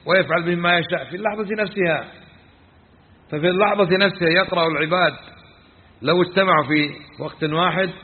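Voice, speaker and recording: A man teaching a religious lesson, questioning his listeners and repeating key phrases. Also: a little high. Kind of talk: classroom lesson explaining scripture. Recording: tinny phone-like sound with long hall reverb.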